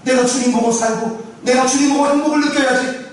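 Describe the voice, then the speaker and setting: A man's voice: very high voice, steady tone, fairly quick, far from the mic, voice pushed up. A male pastor voicing a despairing pastor's wife who prays in tears, pleading and lamenting. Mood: resolving. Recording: very echoey church hall from afar, faint noise.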